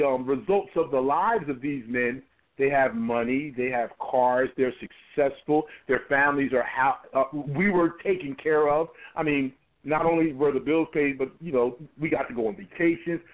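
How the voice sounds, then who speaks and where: Heard on a tinny phone line, a man in his forties who works as a pastor gives a conversational interview. He speaks at a moderate pace in a slightly high voice, emphatic and often repeating words to build his point.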